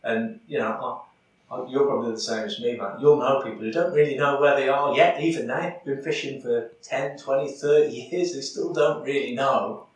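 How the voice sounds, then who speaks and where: A man of medium pitch talks at a normal speed in casual podcast banter about angling, filling his speech with fillers. The mic is far away, giving an echoey, roomy sound with slight background noise.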